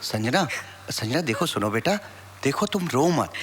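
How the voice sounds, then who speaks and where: An actor playing a kind older man who calms a tearful young woman on the phone like a father. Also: mid-range voice, normal speed, slight background noise. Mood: soothing. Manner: soothing, reassuring. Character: kind older male mentor, fatherly and worried. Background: soft film score music.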